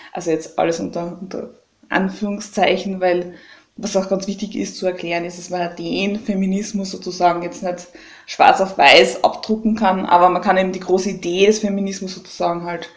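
Casual young Austrian woman hosting. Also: lowish voice. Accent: Austrian German. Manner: casual, hesitant, many fillers. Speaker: podcast host. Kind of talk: podcast interview.

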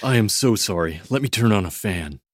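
A man's voice: lowish voice, expressive, a little fast, slight background noise, close to an everyday voice. A man playing a clueless, apologetic ranch hand and former fireman in a comedy audio drama. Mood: earnest. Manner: hesitant, apologetic.

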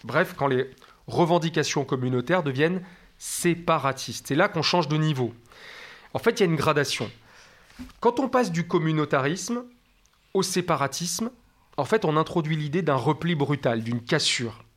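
A man's voice: on the high side, moderate pace. Man explaining with long lists. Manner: didactic, piles up lists of examples. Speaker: guest expert. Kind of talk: explanatory interview talk.

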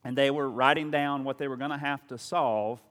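A man's voice: medium pitch, steady tone, normal speed, fairly bright tone, in a large hall. A man preaching a sermon as a pastor, talking in a conversational, storytelling way with frequent asides and restarts.

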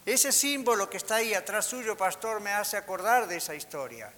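A pastor preaches with a high, bright voice, putting rhetorical questions to his listeners. His voice rings out through a reverberant hall over a faint hiss. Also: lively intonation, normal speed. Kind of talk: sermon. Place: church hall.

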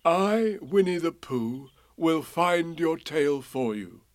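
A man's voice: on the high side, animated, unhurried, darkish tone, no echo. A man voicing a kindly, simple-witted toy bear in a storybook, speaking earnestly and solemnly.

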